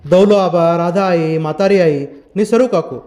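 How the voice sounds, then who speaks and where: A man's voice: high-pitched, steady tone, moderate pace, dark tone, natural voice. A man voicing an upset village messenger who speaks in rustic dialect with urgency. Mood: urgent, upset.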